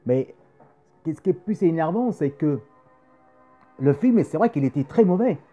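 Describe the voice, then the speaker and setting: Casting note: rambling male vlog host, lively pitch, dull lo-fi sound with faint music behind. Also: moderate pace. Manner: rambling, many fillers and repeated phrases. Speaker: YouTube host. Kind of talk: casual chat about comics and films.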